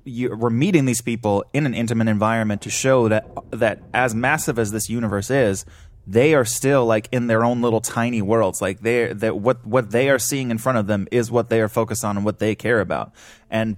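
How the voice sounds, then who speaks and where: Animated man, dry close sound. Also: mid-range voice, fairly quick, dry recording. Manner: animated, swears freely. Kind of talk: casual film discussion podcast.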